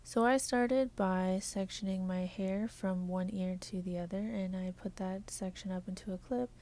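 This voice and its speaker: Soft-spoken woman narrating a hair tutorial. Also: medium pitch. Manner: soft, half-whispered instructional delivery; flat and measured at first, then quicker and chattier. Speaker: beauty vlogger.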